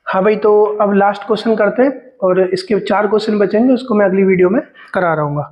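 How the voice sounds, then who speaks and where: A man with a high voice leads a maths lesson, talking his way through each calculation. He fires questions at his students and answers them himself, calling them "beta" as he goes. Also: quick pace, lo-fi sound. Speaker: maths teacher. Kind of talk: explaining step-by-step calculations on a board.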